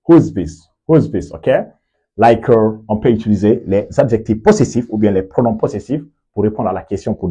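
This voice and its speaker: A man teaching an English lesson in French, drilling words with slow, deliberate repetition and frequent check-ins. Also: fairly low pitch, mellow, breathy edge, poor audio. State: sweaty, just came from the sports field. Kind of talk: video lesson, explaining in French with English examples.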